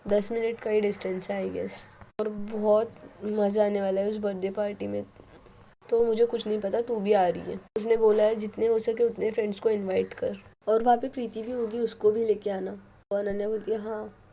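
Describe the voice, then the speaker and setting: A woman's voice: mid-range voice, flat delivery, normal speed, warm tone, a little hiss or hum, poor audio. A woman narrating a love story in a casual style, speaking all the characters' lines herself in her own voice.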